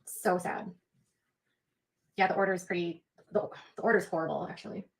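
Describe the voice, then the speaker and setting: A woman's voice: fairly low pitch, fairly even intonation, brisk, vocal fry, poor audio. A woman on a livestream earnestly explaining a point at length in casual talk.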